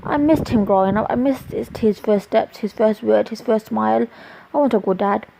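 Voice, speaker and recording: A man's voice: high-pitched, normal speed, gravelly, warm tone. A woman voicing a lovestruck young man who turns into a wolf, tender and pleading, in a dull lo-fi recording. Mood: regretful. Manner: tender, pleading, sprinkled with Spanish endearments.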